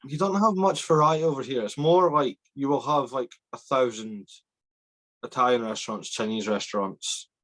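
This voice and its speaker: A young Scottish man in his twenties hosts a casual rugby podcast from a small bedroom, talking through a video call webcam. His voice is medium-pitched and slightly bright, and he speaks at a moderate pace in a chatty, self-deprecating way.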